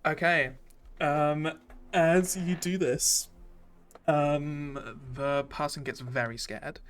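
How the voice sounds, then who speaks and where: A man's voice: fairly high pitch, steady tone, slow pace, fairly bright tone, soft background music. A man narrating a tabletop game as game master, hesitant with many fillers.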